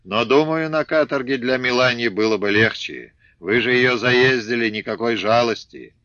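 A man's voice: medium pitch, moderate pace, bright, forceful tone, no room sound, dull audio, close to an everyday voice. Man voicing an indignant young peasant son.

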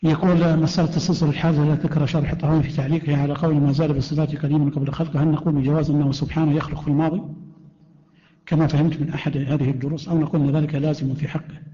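Brief: male sheikh, quick, mellow voice, reads questions and answers firmly. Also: on the high side. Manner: reads out questions, then answers in short firm statements. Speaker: sheikh teaching a creed class. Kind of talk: lecture answering written questions. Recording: echoey lo-fi hall recording.

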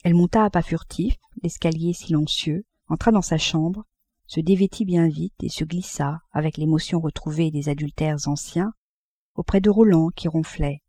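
A woman narrating a classic novel with a measured, expressive delivery. Her voice is mellow and warm, and the recording is dry and close to the mic. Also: low voice, dry recording. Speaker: audiobook narrator. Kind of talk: literary audiobook narration.

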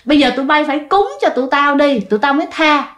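A woman's voice: high voice, fast, a bit bright, pitched above the performer's own voice. A woman voicing a menacing tree demon speaking through an old village woman, demanding and scornful. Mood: threatening.

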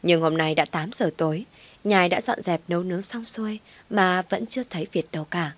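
A woman narrating a family drama story in expressive audiobook style. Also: fairly low pitch, fairly quick.

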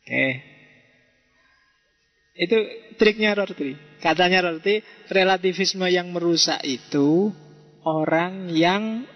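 A man's voice: high voice, slow, pauses often, soft background music. A man with a Javanese accent giving an informal philosophy lecture, conversational and teasing, with joking asides. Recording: dull lo-fi sound in a reverberant hall.

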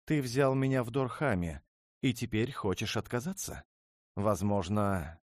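A man voicing a proud, hot-tempered young dragon princess in an audiobook, with loud, shrill outbursts. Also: measured pace, no room sound, lightly acted. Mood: outraged. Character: haughty, furious young dragon princess, female.

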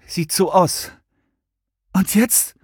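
A man's voice: high voice, drawn-out words, a little mellow, husky, no room sound, studio quality, pitched above the performer's own voice, full character voice. A man voicing a sleepy, skeptical young woman in an audiobook, questioning and matter-of-fact. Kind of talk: audiobook character voice.

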